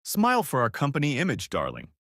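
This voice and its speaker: A man voicing an obsessive, smug rich young man who speaks in a soft, teasing murmur in a storybook reading. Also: fairly high pitch, huge pitch swings, fast talker, vocal fry, dry recording, clean studio sound, pitched above the performer's own voice, full character voice.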